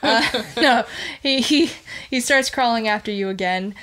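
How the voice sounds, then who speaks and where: A woman's voice: on the high side, measured pace, pushed and bright, low-quality recording. A woman co-hosting a video game podcast, talking loosely with many fillers and laughs. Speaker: podcast co-host. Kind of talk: casual game review chat.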